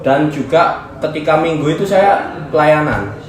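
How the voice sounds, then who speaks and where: A man's voice: a little high, expressive, moderate pace, a crowd in the background. A teenage boy being interviewed as a guest, earnest and explaining step by step with small fillers. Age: teens. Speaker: student guest. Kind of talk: casual interview talk. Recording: roomy echo with faint noise.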